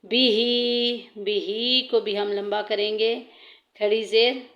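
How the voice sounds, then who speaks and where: A woman teaching tajweed, patiently explaining each rule step by step between slow recited verses. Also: mid-range voice, fairly even intonation, dull audio.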